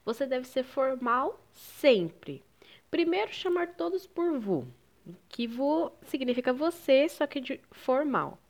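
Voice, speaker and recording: A young woman from Brazil, with a Brazilian Portuguese accent, gives a French lesson. Her voice sits a little high, and she explains patiently while mixing in French phrases. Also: sing-song, takes it slowly. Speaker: French teacher. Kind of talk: online language lesson.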